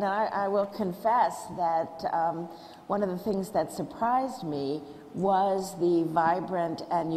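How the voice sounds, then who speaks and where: A woman speaking on a panel in a measured, reflective way about her organization. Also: on the low side, a little mellow, slight background noise. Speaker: panelist, nonprofit leader. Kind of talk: panel discussion. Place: lecture hall. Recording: reverberant hall, faint ambience.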